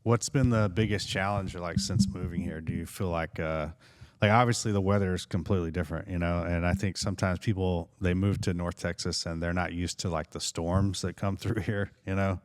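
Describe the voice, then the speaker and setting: A man's voice: sits low, steady tone, fairly quick. A man hosting a podcast, asking questions and musing in a conversational way, with lots of "uh" and "you know". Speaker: podcast host. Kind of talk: casual podcast interview.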